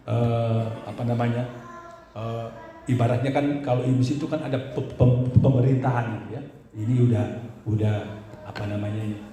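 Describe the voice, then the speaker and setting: A male pastor preaching a storytelling sermon, animated and often calling his listeners "saudara". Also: medium pitch. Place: church. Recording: very echoey church hall.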